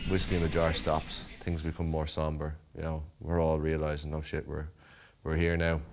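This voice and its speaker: An Irish man narrates his own documentary in a casual, reflective voice-over, conversational and filled with "you know." His bass voice is gravelly and monotone at a normal speed, with music under the narration and some background noise.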